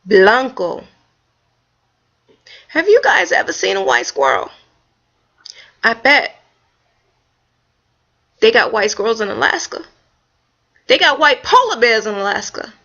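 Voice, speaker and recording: A woman vlogger telling a story in a casual, animated, folksy way. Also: on the high side, slow, creaky, long pauses. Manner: animated, folksy storytelling with Southern-leaning speech. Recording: dull lo-fi home video.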